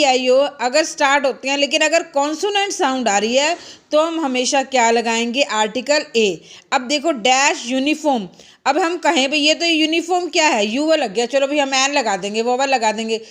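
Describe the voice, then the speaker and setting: A woman teaching English grammar to children in Hindi. She reads English example sentences slowly, explains them, and asks questions that she answers herself. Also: high voice, a bit bright. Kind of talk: bilingual classroom grammar lesson.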